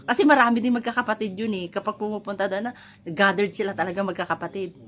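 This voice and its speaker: A woman's voice: mid-range voice, steady tone, fast talker, fairly bright tone. Woman, from the Philippines, casual home vlog, chatty, rambling, laughs often. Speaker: vlogger. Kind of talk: casual storytelling to viewers.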